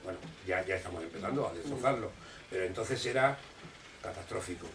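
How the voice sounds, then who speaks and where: In a neighborhood association hall, an older man delivers a heated public speech, insistent and repetitive, often beginning his sentences again. His deep voice is animated, fairly quick and a bit bright. The recording has roomy echo, a distant mic and faint noise.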